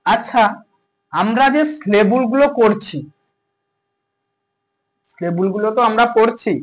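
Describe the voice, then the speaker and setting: Very high-voiced man teaching grammar. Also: unhurried, rough recording. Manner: repetitive, checks understanding with questions. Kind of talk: grammar lesson explaining to students.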